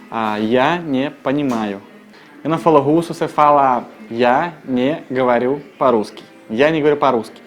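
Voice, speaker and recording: A man with a Russian accent, a native Russian speaker, teaching tourist phrases in a joking, casual way and repeating each word slowly. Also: medium pitch. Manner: joking, slow repeated model words. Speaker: language guide.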